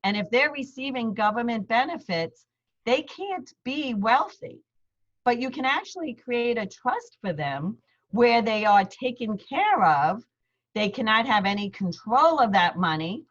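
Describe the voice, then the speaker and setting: Her voice runs on the high side, sing-song and a bit bright, at a measured pace. She's a middle-aged New York attorney from Queens, accent intact, leading a friendly, plain-spoken video-call seminar that breaks legal terms down step by step. The lo-fi audio is slightly dull.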